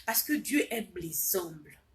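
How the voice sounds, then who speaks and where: A woman's voice: fairly low pitch, big pitch swings, a little slow, low-quality recording. Fervent woman preacher, Ivorian French accent. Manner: fervent, swings from soft musing to loud urgent exhortation; repeats words as she searches for them. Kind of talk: live preaching and prayer exhortation.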